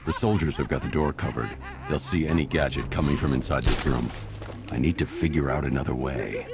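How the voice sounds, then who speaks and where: An actor playing a stern, brooding masked vigilante in a video game, speaking in a low, clipped, commanding way. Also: male voice, fairly quick, noisy background. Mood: grim.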